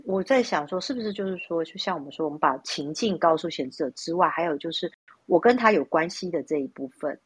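A woman with a husky, slightly breathy voice and a lowish pitch, recorded dry and close. She talks haltingly and repeats words as she gathers her thoughts in a casual live chat. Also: expressive, no room sound. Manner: hesitant, halting, repeats words, acts out quoted speech. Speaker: guest sharing a story.

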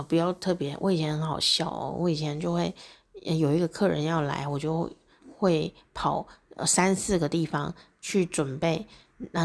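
A woman's voice: deep voice, vocal fry. A woman hosting a podcast, telling personal stories in a chatty way, laughing often and acting out little conversations. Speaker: podcast host. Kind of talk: personal reflective monologue.

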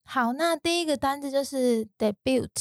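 A woman teaching English vocabulary, her voice pitched high. She lays out each point methodically, one step at a time. The recording is dry and close. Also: normal speed, dry recording. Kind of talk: explaining vocabulary.

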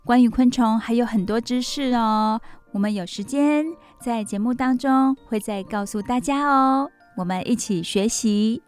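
A woman with a Taiwanese Mandarin accent hosting a children's radio storytime, speaking gently and simply as if reading to a toddler. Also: fairly high pitch, unhurried, hardly any pauses, clear, resonant tone, faint music behind. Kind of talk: children's radio presenting, talking to young listeners.

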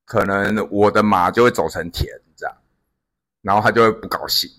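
A man's voice: on the low side, steady tone, moderate pace, a bit bright. A man co-hosting a casual chat, telling stories with lots of fillers and restarts. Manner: storytelling, many fillers and restarts. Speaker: podcast co-host.

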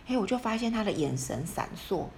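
A mother recounts a parenting experience in casual conversation, acting out scenes with quoted dialogue and frequently restarting her sentences. Her mid-range, gravelly voice swings widely in pitch and moves fairly quickly. There's slight background noise.

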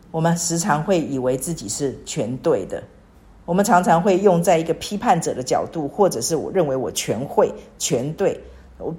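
Low-voiced earnest woman in her sixties. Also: dark tone. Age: 60s. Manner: earnest, repetitive, pleading. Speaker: church speaker. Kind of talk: devotional teaching.

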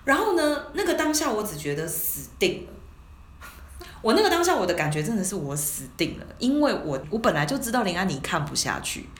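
A woman's voice: mid-range voice, big pitch swings, a little fast. A woman hosting a podcast in casual chat, often laughing and chiming in with short agreements. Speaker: podcast host. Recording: echoey room with faint hiss.

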